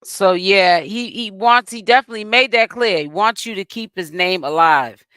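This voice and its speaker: A young man from Boston, Massachusetts, with a Boston accent rambles through casual celebrity gossip, correcting himself along the way and using streetwise slang. His voice is high-pitched, pushed, bright and smooth at normal speed, with no echo.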